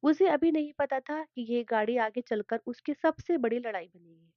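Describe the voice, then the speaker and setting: A woman's voice: a little high, moderate pace, no room sound, highs cut off. A woman telling a family drama story as a narrator, reading all the characters' lines in her own voice.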